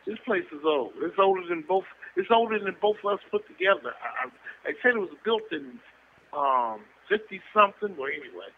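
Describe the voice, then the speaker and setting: A man in his sixties calls into a podcast from prison, his high, gravelly voice coming through the phone line. He chats casually and briskly, telling stories in a loose, crude, expressive way and chuckling often.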